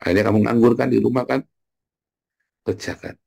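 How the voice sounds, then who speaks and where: A man preaching an informal morning sermon, blunt and teasing, swinging from loud jabs to low murmurs. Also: fairly quick, vocal fry. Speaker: pastor.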